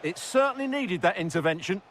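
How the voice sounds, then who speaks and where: High-voiced football co-commentator. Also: male voice, animated, fairly bright tone, a little hiss or hum. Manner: measured analytical remarks on defending and goalkeeping. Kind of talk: match analysis commentary.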